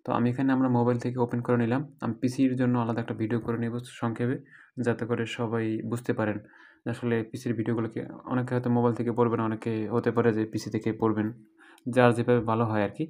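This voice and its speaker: A man giving a recorded reading lesson, talking through letter sounds one by one. He explains patiently, at a mid pitch, and stretches out each example sound slowly so it is clear. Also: flat delivery, a little mellow. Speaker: Quran reading teacher.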